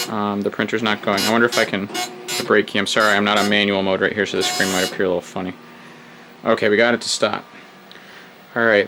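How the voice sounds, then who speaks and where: In a noisy setting, a man with a fairly low-pitched voice hosts a retro computer video. He thinks aloud casually while working through an old program, musing over its prompts with wry little remarks.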